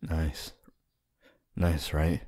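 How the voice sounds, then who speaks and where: Man voicing Hitoshi Shinsou, very deep husky flirt. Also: little pitch movement, darkish tone, exaggerated voice. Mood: tired, awkward. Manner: slow, halting, low-key delivery with sighs and pauses. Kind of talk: roleplay ASMR voice acting.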